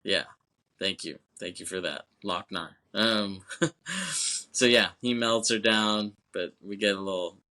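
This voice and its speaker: A man's voice: on the low side, unhurried, sharp tone. A young man co-hosting a podcast, retelling a film loosely with profanity, laughter and lots of "like" and "you know". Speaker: podcast co-host. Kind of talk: casual chat recapping a film.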